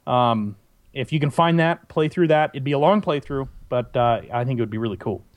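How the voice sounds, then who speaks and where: A man co-hosting a casual podcast, reading listener emails aloud in a halting way and often restarting his sentences. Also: medium pitch, no echo. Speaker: podcast co-host.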